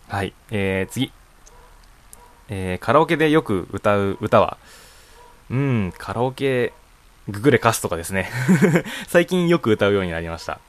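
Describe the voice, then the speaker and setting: A young man in his student years hosting his own net radio show, talking alone in a loose, rambling way with frequent chuckles and fillers. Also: fairly low pitch. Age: young adult. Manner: rambling, chuckles often, many casual fillers. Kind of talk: casual solo talk answering a voice questionnaire. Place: home room.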